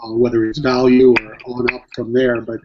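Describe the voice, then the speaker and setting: Casting: practical man, monotone delivery, lo-fi streamed audio. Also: medium pitch, moderate pace, background noise. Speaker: grocery seafood representative. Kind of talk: panel discussion.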